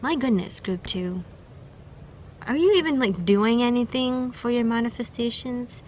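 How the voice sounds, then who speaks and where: A woman's voice: on the high side, unhurried, a little mellow, dull audio, slight background noise. Chatty young woman reading tarot cards. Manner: chatty, giggly, full of fillers and restarts. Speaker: tarot reader. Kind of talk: casual pick-a-card tarot reading.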